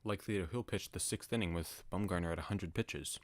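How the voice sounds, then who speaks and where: Man, deep voice, home play-by-play, laid-back asides. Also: brisk, dry recording. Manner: relaxed, chatty asides between calls. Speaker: play-by-play announcer. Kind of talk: casual solo baseball commentary.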